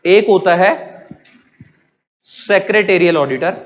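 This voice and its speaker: A man's voice: high voice, slow pace, big-room sound, lo-fi sound. A man teaching a class. He asks his students questions and then answers them himself. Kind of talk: classroom lecture.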